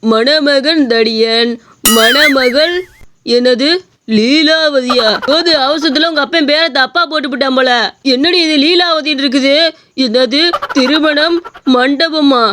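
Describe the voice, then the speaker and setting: An excitable young village man in a cartoon story, bursting with exclamations, played by a woman. The voice sits high and plain, with faint hiss behind it. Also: moderate pace. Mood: bewildered. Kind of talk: cartoon voice acting.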